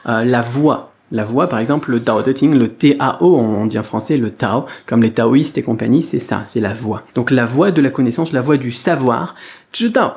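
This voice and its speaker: A man's voice: medium pitch, a little mellow. Chatty male language teacher. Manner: chatty, with frequent fillers; slow, drawn-out syllables when demonstrating tones. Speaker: Mandarin teacher. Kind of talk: casual video lesson.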